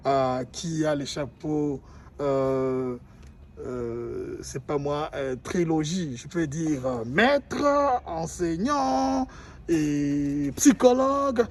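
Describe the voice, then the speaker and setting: A man's voice: on the high side, animated, extremely slow, vocal fry, slight background noise. A male journalist asking interview questions, rephrasing and repeating them with many fillers.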